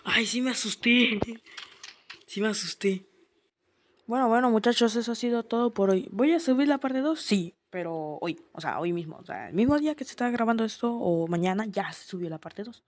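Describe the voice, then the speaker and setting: A woman giving let's-play commentary as a gaming host, excitable, yelping and laughing when startled. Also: medium pitch, a little fast.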